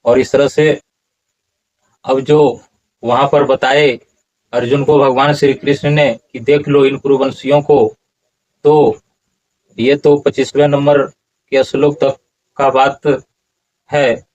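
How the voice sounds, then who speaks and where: A man teaching Sanskrit verse pronunciation in a slow, explanatory lesson, repeating words syllable by syllable. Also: medium pitch, little pitch movement, darkish tone, muffled recording.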